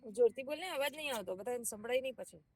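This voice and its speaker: Mom vlogger, high and dry, chatty, coaxing her kids with questions. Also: animated, fast talker, a little mellow, no room sound. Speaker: vlog host and mother. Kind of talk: casual family vlog chat.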